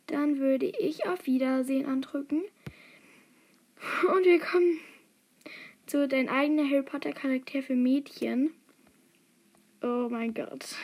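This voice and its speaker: Young woman, high voice, excitable and giggly, casual quiz read-through. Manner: excitable, giggly, drops to whispers. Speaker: quiz taker reading aloud. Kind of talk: casual chat, reading a quiz and story aloud.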